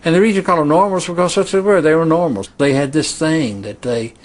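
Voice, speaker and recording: A man's voice: fairly high pitch, fast. An older man interviewed for a documentary, reminiscing in a casual, wry way.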